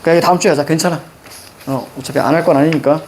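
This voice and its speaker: A male teacher giving a classroom lecture on exam questions, brisk and instructive, checking in often with quick rhetorical questions. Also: fairly high pitch, steady tone, a little mellow, slight background noise. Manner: brisk, instructive, keeps students marking text.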